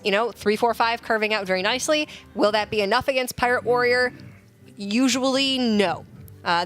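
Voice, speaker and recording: A woman's voice: mid-range voice, fairly bright tone. A woman giving analysis of a card game tournament as co-caster, thoughtful and playful. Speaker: esports analyst. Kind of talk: color commentary.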